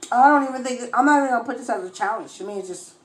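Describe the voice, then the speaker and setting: A woman's voice: a little high, rapid-fire. A young woman chatting casually to viewers as a mukbang host, chewing while she talks. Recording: echoey room with faint noise. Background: faint household noise, children in background.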